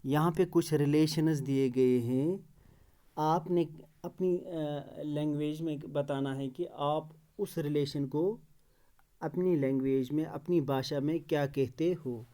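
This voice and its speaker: Slow, dark-voiced male teacher. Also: a little high, fairly even intonation. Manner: spells words out letter by letter, repetitive; praises students in passing. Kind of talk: classroom lesson explanation.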